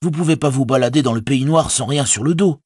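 A man's voice: medium pitch, fast, a little mellow, breathy edge, no echo, clean studio sound, voice pushed up, close to an everyday voice. A man voicing a loyal, humble young hobbit servant in an audiobook, speaking in a folksy, deferential way in a raised voice. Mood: earnest. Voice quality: folksy colloquial speech, deferential. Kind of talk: audiobook character voice.

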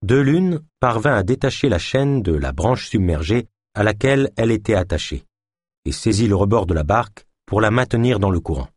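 A man reading an audiobook as narrator with expressive storytelling. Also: on the low side, moderate pace, breathy edge, no room sound, studio quality. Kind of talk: scripted narration.

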